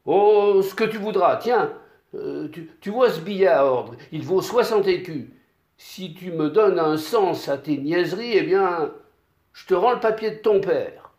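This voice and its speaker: A man voicing a rich, greedy old peasant-landowner who bullies and threatens, raised higher and louder than his own voice. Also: animated, measured pace. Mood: irritated. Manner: gruff, bullying, impatient. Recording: echoey room.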